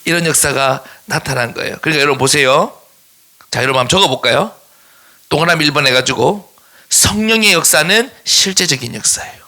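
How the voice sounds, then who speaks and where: A man with a Daegu accent preaching a sermon to teenagers as a youth pastor, animated and teasing, and pausing to tell them what to write down. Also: on the high side. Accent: Daegu Korean. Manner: animated and teasing, jokes with the young listeners; gives note-taking instructions in a classroom way.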